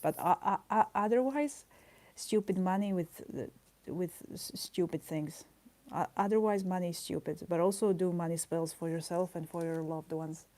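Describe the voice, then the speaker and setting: Drawing on a livestream, this artist has a lowish, dark-toned voice and keeps a moderate pace. Her casual chat with viewers drifts through playful tangents, full of laughter and mock-indignant teasing aimed at her chat.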